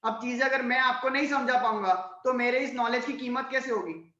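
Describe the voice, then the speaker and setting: A man's voice: very high-pitched, fairly quick, bright, forceful tone, roomy sound, muffled recording. A male college lecturer with a Gujarati accent, teaching an online class and checking in with his students again and again. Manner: mixes Hindi, Gujarati and English, asks "right?" often.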